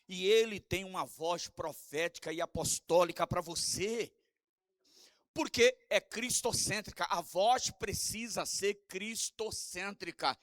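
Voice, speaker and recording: A man preaching a sermon with a Brazilian Portuguese accent, moving between quiet asides and shouted, sing-song emphasis and calling out questions for the congregation to answer. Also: high voice, no room sound, studio quality. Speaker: apostle preaching.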